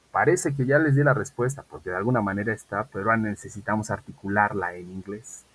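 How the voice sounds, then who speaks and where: A man teaching an English class online, patiently repeating model sentences slowly and often checking in with "¿ok?". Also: fairly low pitch, breathy edge, low-quality recording.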